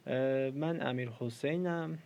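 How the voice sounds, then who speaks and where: A man's voice: medium pitch, a little mellow, lo-fi sound. A man in his twenties giving a casual coding lesson, chatty and self-deprecating, with lots of fillers. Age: 20s. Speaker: programming tutor.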